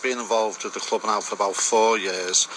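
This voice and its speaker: A man's voice: fairly low pitch, steady tone, normal speed, background noise. A man talking casually as an interview guest. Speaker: interview guest, cricket club member.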